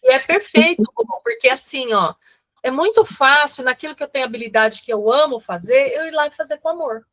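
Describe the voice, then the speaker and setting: A Brazilian woman leading a women's devotional chat, talking in a lively, preachy way. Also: high-pitched, a little fast, dry recording. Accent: Brazilian Portuguese. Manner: animated, preachy, addresses listeners as gente. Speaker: women's group leader.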